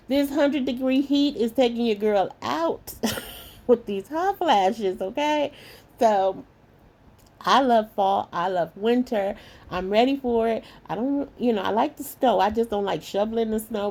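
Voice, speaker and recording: Hosting her craft channel, this middle-aged woman talks through a tutorial in a chatty, warm way. Her voice sits on the high side with a slight hoarseness, and she addresses viewers as lovies and y'all.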